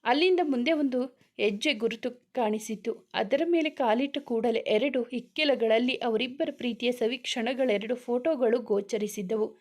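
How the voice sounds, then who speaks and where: A woman narrating a romantic storybook in a steady, expressive reading style. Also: a little high, moderate pace.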